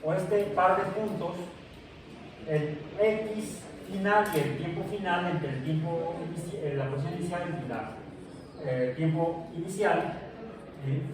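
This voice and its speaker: A male science teacher gives a physics lecture in class, explaining step by step with restarts and checks. His voice is a little high and measured in pace, recorded from far off in an echoey, noisy classroom.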